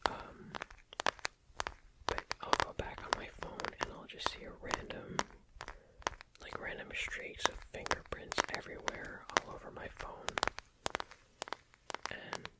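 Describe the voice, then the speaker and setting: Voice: slow, pauses often, poor audio. An ASMR creator speaking entirely in a whisper, rambling casually and unhurriedly in a self-deprecating way. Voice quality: whispered, unvoiced. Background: crinkling bubble wrap and tapping.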